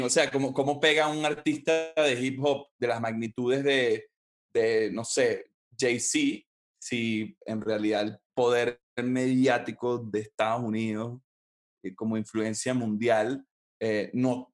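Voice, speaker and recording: Male podcast host, mid-range voice, reflective and rambling, casual fillers. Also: mid-range voice. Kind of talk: casual interview chat.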